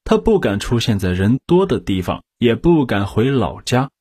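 Husky male crime-story narrator. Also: medium pitch, sing-song, darkish tone, no room sound, clean studio sound. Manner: measured, dramatic storytelling.

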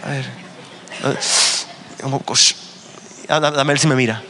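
A man's voice: medium pitch, steady tone, moderate pace, bright, forceful tone, slight background noise. A man giving a motivational talk at a business meeting, telling stories and often checking in with his listeners. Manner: storytelling, often asks "¿verdad?". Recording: long hall reverb.

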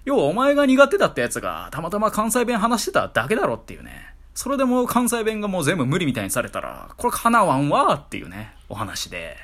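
A man with a Kansai accent talks on his own in a loose, casual monologue. His voice sits a little high for a man and swings widely up and down in pitch. He slips into sardonic little rants as he goes. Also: fast, few pauses. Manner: sardonic, ranting asides with lively swings. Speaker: solo talk streamer.

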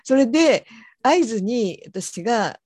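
A woman's voice: a little high, very animated, takes it slowly, darkish tone, husky, no echo, studio quality. A middle-aged woman with a Fukushima accent, co-hosting a podcast in casual, chatty conversation and laughing easily. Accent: Fukushima Japanese. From Fukushima, Japan. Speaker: podcast co-host. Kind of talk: casual chat.

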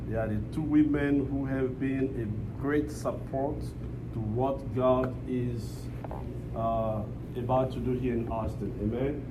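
Congolese-accented male preacher, noisy live recording. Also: mid-range voice. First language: not English. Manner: repeats phrases, calls for amens. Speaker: visiting pastor. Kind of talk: church preaching and prayer with call-and-response. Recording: noisy live church room.

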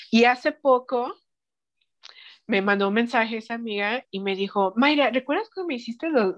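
A woman's voice: mid-range voice, highs cut off. A woman with a Mexican Spanish accent, a psychic guest telling anecdotes in casual chat, often slipping English phrases into her Spanish and acting out quotes. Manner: mixes English phrases into Spanish, animated quoting.

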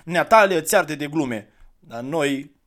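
A tired, kindly traveler on foot, played by a man reading the tale, who coaxes gently in a voice lifted a little above his own. He keeps his patient, mild manner throughout. It comes across as a storybook reading. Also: on the high side, expressive, pitched above the performer's own voice. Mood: coaxing. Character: gentle, weary adult traveler, kind and coaxing.

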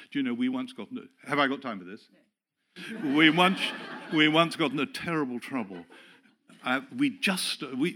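An older English pastor preaching to his congregation in a bright, ringing voice. He keeps it conversational and self-deprecating, and puts on little voices when he quotes people. His pitch sits in the middle for a man. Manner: chatty, self-deprecating storyteller who acts out quotes. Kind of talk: sermon.

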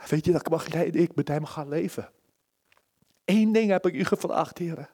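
A man preaching at a church service in a slightly raised, husky voice. He is impassioned, pushing up into urgent pleading, then dropping to a hushed whisper. The sermon has a personal, testimonial tone. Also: on the high side, normal speed.

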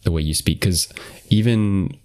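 Scottish guy hosting a podcast, really deep low voice, laid back, laughs a lot. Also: measured pace, darkish tone. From Scotland. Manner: easygoing, laughing, questioning. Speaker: podcast host. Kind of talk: casual chat.

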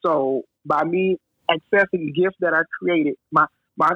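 A man telling his story over a phone-like line, his slightly high, husky voice jumping up whenever he acts out what others said. The sound is dry and narrow, with no room around it. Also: measured pace, dry recording. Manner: animated, acts out quoted dialogue. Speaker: photographer, guest. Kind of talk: casual storytelling.

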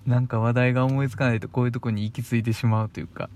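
Talking solo on the radio, a young man with a Kansai accent wanders casually from thought to thought, sounding a bit bashful and chuckling as he goes. He speaks very fast in a flat, medium-pitched voice that is a little mellow.

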